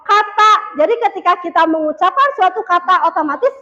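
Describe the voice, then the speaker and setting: High, bright woman teaching a class. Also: fairly quick, lo-fi sound. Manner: asks the class questions and repeats pupils' answers.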